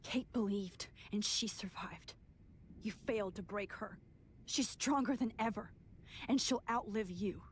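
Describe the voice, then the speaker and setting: A woman's voice: mid-range voice, a little slow, slight background noise, natural voice. An actress playing a defiant teenage girl student held captive in a video game, speaking in an earnest, restrained, accusing way. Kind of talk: dramatic video game voice acting.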